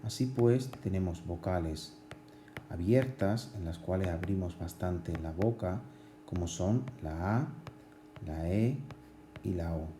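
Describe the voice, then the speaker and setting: A man teaching grammar at a board, explaining slowly with many pauses, fillers and restarts. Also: sits low, roomy sound, background noise. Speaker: Spanish language teacher.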